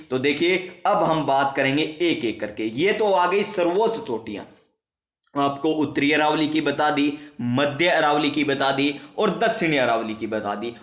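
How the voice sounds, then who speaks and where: Guy teaching exam prep, keeps asking then answering himself, slightly high voice, roomy echo. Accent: Rajasthani. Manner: asks and answers his own questions, repeats key facts. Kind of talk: exam-prep geography lesson.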